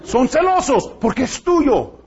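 A man's voice: extremely high pitch, sing-song, slow, vocal fry, highs cut off, slight background noise. A man pastor preaching a sermon to a congregation in an emphatic style, with rhetorical questions and joking asides. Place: church before a congregation.

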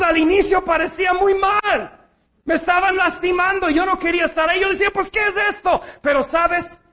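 High-voiced preacher, emphatic. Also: male voice, muffled recording. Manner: emphatic, swings from quiet to shouting. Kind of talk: sermon.

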